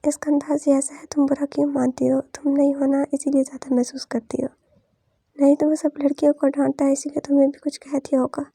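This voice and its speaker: A woman voicing a gentle, affectionate elderly matriarch in a storybook reading. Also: high-pitched, level tone, fairly quick, creaky, no room sound. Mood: soothing. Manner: soothing, affectionate.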